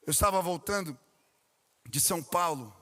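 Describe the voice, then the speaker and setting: A man's voice: on the high side, moderate pace, bright, forceful tone, in a large hall. A man preaching a sermon as pastor, telling a story and acting out the voices of the people in it. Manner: storytelling preacher, acts out dialogue with rising intensity.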